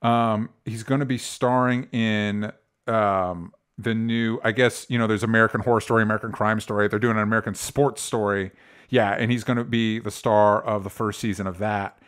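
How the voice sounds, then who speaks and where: A man's voice: on the low side, steady tone, normal speed, a bit bright, smooth. A man co-hosting a movie podcast, talking casually with frequent fillers and restarts. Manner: chatty, hesitant with fillers and restarts. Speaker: podcast co-host.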